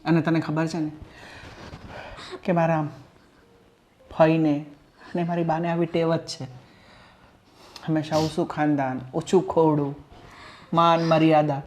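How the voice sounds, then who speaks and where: A man's voice: on the high side, level tone, a little slow, pauses often, darkish tone, a little hiss or hum, natural voice. An actor playing a young husband who consoles his crying wife and reassures her in a family drama. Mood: reassuring. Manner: soothing, reassuring, earnest.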